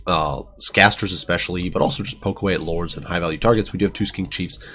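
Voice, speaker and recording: A man's voice: deep voice, pushed and bright, a little hiss or hum. A man with a sick, nasal voice giving chatty game battle commentary, with many fillers. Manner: chatty, quick, lots of fillers. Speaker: gaming commentator.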